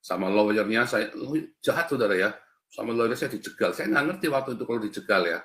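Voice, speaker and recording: A man's voice: lowish voice, animated, fast, fairly bright tone. A man preaching to a congregation in a casual, storytelling way, with an Indonesian accent, often calling his listeners "brothers". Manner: addresses the congregation as "Saudara" again and again, anecdotal. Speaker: pastor. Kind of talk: sermon.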